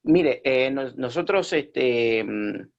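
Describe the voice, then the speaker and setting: Chilean-born male pastor, halting testimony, middle pitch, dull lo-fi sound. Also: expressive, vocal fry. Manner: hesitant, many fillers and restarts. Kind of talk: radio interview, personal testimony.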